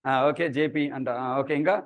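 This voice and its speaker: A man teaches in an interactive classroom style with a clear Telugu Indian accent, as a native Telugu speaker. His voice sits high for a man. The sound is dry, and he keeps prompting his listeners with short questions. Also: fairly even intonation, racing, no echo. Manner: repeated check questions and prompts to students. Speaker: programming teacher.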